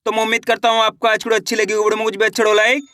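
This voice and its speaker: A man's voice: high voice, completely flat delivery, rapid-fire, sharp tone, a little hiss or hum. A man teaching beginners to read, sounding out each syllable and then blending it into the whole word in an encouraging, repetitive way. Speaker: Hindi reading teacher. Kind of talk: slow syllable-by-syllable reading lesson.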